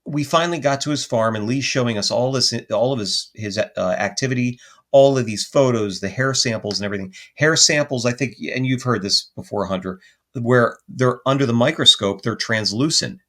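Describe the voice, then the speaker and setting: A man who is a guest paranormal investigator, telling a story on a podcast in an animated, rambling way and correcting himself as he goes. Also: mid-range voice, a little fast.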